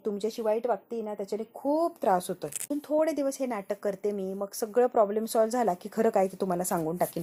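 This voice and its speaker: A woman voicing a young wife who softly pleads with her husband and apologizes. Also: mid-range voice, natural voice. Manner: soft, pleading.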